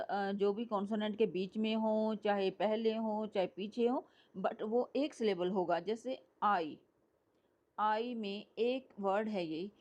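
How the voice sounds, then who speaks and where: Slow, patient woman teaching. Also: mid-range voice, a little mellow. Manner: explains step by step, often checks "clear?". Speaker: English teacher. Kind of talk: classroom lecture mixing Hindi and English.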